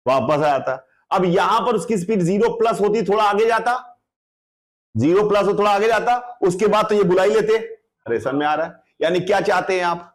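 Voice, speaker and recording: Man, physics teacher, high voice, step-by-step classroom explainer. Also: a little fast. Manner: explains step by step, keeps checking students follow. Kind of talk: classroom lecture.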